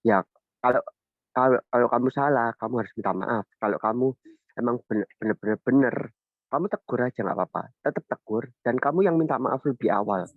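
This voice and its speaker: A man, sharing about parenting in a casual, halting way on a video call. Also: mid-range voice, dry recording. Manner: halting, many restarts and fillers. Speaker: parent sharing in a church group. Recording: tinny video call audio.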